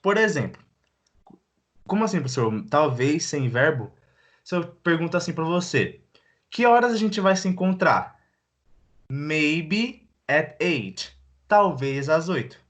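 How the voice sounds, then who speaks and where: Brief: young Brazilian man, English teacher on a live class, relaxed and slangy, slightly higher voice. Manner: relaxed, slangy, slows down to model English phrases. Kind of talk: live online English lesson.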